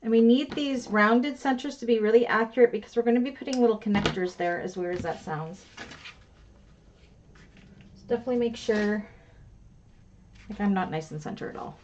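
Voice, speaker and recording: A woman's voice: on the high side, moderate pace, long pauses, a little mellow. Woman, crafting instructor, chatty and self-mocking; slightly dull, lo-fi table mic. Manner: chatty, self-deprecating, talks to herself while working. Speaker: bag-making instructor. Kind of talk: live class instruction while sewing. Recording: slightly dull lo-fi with faint noise.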